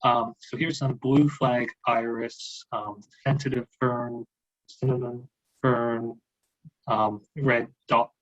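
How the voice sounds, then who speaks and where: A man's voice: mid-range voice, steady tone, slow. A man hosting a webinar over a video call in a friendly way, reading out audience comments. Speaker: webinar moderator. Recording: dull lo-fi video call audio.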